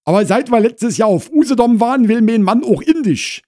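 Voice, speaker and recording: A man voicing a fussy, indignant woman in her mid-fifties in a comic audiobook, with a high, loud, shrill voice. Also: animated, a little fast, no echo, clean studio sound.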